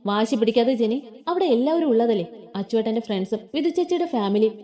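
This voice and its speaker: A man's voice: very high voice, lively intonation, fast, dark tone. A woman voicing a worried young man who pleads and soothes over a phone call in an audio story. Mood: coaxing.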